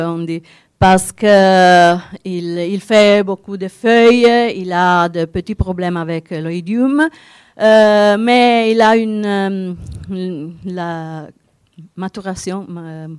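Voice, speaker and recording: A woman with a noticeable Italian accent gives a presentation as a non-native speaker. Her delivery is slow and hesitant as she hunts for words. The voice is smooth and clear, captured close and dry. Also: mid-range voice, a little mellow, dry recording. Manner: halting, searching for words in non-native French. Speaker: winegrowers' association representative giving a talk. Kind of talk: conference presentation.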